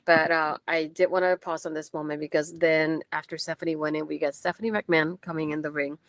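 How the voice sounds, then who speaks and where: A young woman who isn't a native English speaker hosts a casual wrestling event recap after the show, chatty and enthusiastic with lots of fillers. Her voice sits low with a flat, brisk delivery and a slightly bright tone. There's no echo.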